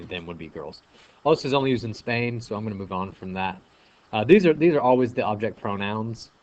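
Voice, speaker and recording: A man's voice: lowish voice, lo-fi sound. A man teaching a language lesson, explaining step by step with frequent ums. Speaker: Spanish teacher. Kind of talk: classroom lesson narration.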